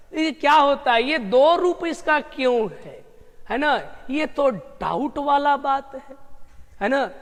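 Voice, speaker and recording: A man teaches an exam-prep grammar lesson in a very high, chatty voice. He keeps circling back to his points and calls the students brother and friend. The recording carries a long, ringing reverb. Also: a bit bright.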